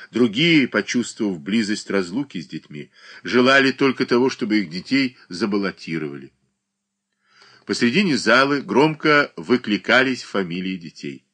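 A man reading a classic novel aloud as an audiobook narrator, with expressive storytelling. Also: fairly low pitch. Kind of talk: scripted literary narration.

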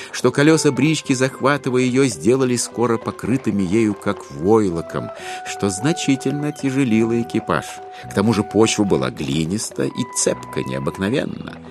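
A man with a medium-pitched voice narrates a dramatised literary audiobook, telling the story in an expressive, measured way.

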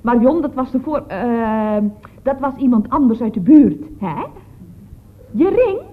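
A woman's voice: fairly high pitch, measured pace. An actress playing a chatty, gushing female office clerk in a 1960s radio comedy. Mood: gossipy. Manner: chatty, gushing, lively swings of tone. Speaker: office receptionist at a building firm. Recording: old phone-like radio recording.

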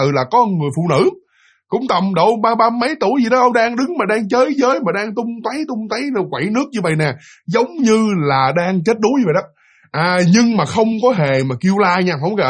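Husky, fast Southern Vietnamese male storyteller. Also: high voice. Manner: chatty, addresses listeners directly. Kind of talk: spooky storytelling.

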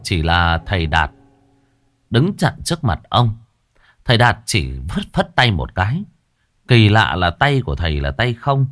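A man narrating a ghost story in a dramatic, expressive storytelling manner. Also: lowish voice, a little slow, no echo.

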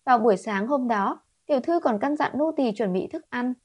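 A woman voicing an anxious, devoted young maid in a storybook reading, speaking high and urgently. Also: animated, drawn-out words, slightly rough, no room sound, exaggerated voice. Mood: earnest.

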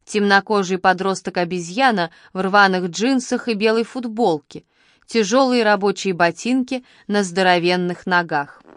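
A woman's voice: mid-range voice, normal speed, no echo. Woman narrating an audiobook, dry and close. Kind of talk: scripted first-person narration.

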